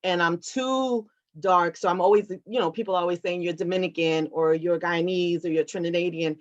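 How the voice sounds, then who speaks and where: Woman, low voice, earnest, reflective, keeps asking "right?", lo-fi sound. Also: fairly even intonation, moderate pace. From Puerto Rico. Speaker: award recipient, activist. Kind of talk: conversational answer in an online talk.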